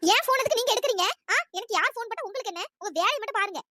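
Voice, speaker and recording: A defiant young cartoon woman, put on by the channel's performer who snaps back at every accusation. Her voice is squeaky-high and rushed, recorded dry and close. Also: animated, bright, forceful tone, no room sound, heavily acted. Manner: snapping back, indignant. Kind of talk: cartoon story voice acting.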